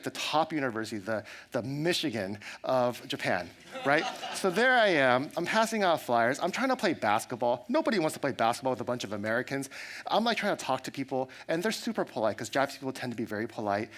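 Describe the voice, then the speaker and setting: A man in his thirties preaching a sermon in a church, telling a personal story in a lively way and acting out the people in it. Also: medium pitch. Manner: animated storytelling with acted-out quotes. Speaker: pastor.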